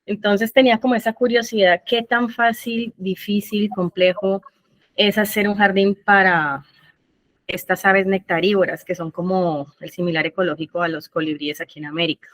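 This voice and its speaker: A woman with a bright, forceful voice asks long questions full of fillers. The sound is dry and close, like a video call. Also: medium pitch, steady tone, normal speed, no echo. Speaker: audience member asking questions. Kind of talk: online Q&A question.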